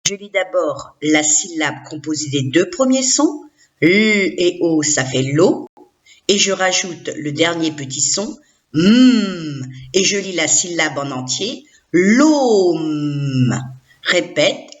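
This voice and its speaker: A woman's voice: low-pitched, lively intonation, measured pace, highs cut off. A woman teacher giving a recorded reading lesson to young children, sounding out syllables one by one and having the listener repeat them.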